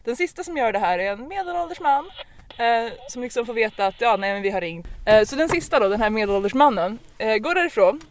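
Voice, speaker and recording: A woman on a podcast telling a personal anecdote in a casual, lively way, with lots of fillers and restarts. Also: on the high side, slight background noise. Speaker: podcast host. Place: podcast recording.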